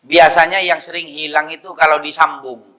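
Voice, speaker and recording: A man's voice: a little high, flat delivery, moderate pace, bright, forceful tone. A man teaching a religious lesson in a mosque. He explains points and then chants Arabic verses to demonstrate them. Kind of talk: religious lesson with recited examples.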